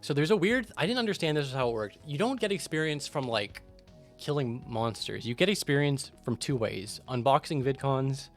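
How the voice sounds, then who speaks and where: A man's voice: medium pitch, animated, normal speed, hardly any pauses, soft background music. A man streaming a video game, rambling casually about its quests with lots of fillers. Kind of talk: casual gameplay commentary.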